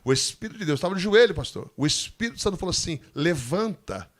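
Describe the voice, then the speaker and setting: Brazilian guy telling his mission story, kinda high voice, laughs a lot, plays out the people he met. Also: sing-song, fast. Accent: Brazilian Portuguese. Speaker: missionary guest speaker. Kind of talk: animated storytelling testimony.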